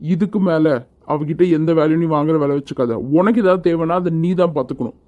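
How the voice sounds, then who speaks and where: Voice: mid-range voice, fast talker, mellow, lo-fi sound, lightly acted. Hot-tempered voice for a cartoon young man. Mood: angry. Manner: scolding, commanding. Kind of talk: animated cartoon voice acting.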